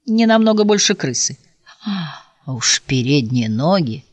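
A woman voicing a huge, pompous old boar who leads the herd, speaking in a low, blustering, gruff way. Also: sing-song, measured pace, darkish tone, no room sound, muffled recording, heavily acted.

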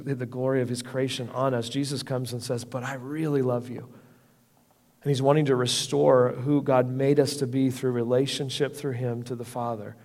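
A man's voice: mid-range voice, a little mellow. A middle-aged man preaching a sermon as pastor, earnest and conversational, often restarting his phrases. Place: church hall. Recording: long reverb of a church hall.

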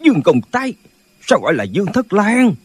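Bickering old kung-fu brothers, voiced by a man for an audiobook, husky and lively in pitch, arguing pedantically over nothing. The sound is dry and close. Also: a little fast, no room sound, full character voice. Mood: quarrelsome. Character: quarrelsome old male martial-arts brothers.

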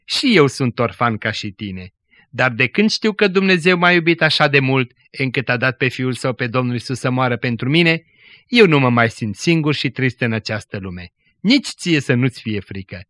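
A man playing a poor, gentle and pious orphan boy from a village, who speaks humbly and tenderly. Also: mid-range voice, expressive, dry recording. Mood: humble.

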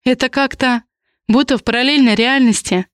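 A woman reading an audiobook, voicing a lovestruck young woman in a lighter, higher tone. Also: moderate pace, dry recording, clean studio sound, lightly acted. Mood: wistful. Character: young woman, teasing yet tender, lovestruck.

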